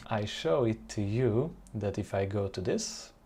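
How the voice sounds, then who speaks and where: A man from Hungary, a native Hungarian speaker with a Hungarian accent, giving an informal language-learning tutorial in halting, searching phrases. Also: fairly low pitch, animated, warm tone, slightly rough.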